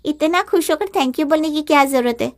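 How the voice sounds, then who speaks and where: A bratty teenage girl taunts and mocks in a high voice, as a woman voices her. She is the spoiled sister-in-law of an animated family storybook, insolent in every line. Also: brisk. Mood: taunting.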